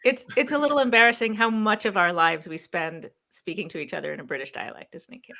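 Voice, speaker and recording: A woman's voice: medium pitch, fast talker, vocal fry, bright, forceful tone. A woman co-hosting a podcast who reads a guest introduction and then chats in an upbeat, conversational way. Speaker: podcast co-host. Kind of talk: formal guest introduction and casual chat.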